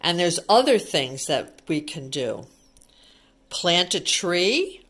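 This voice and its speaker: A woman whose low-leaning voice has big pitch swings speaks slowly with a fairly bright tone. At a read-aloud storytime, she reads a picture book to young children like a teacher, explaining simply through repeated words and little questions.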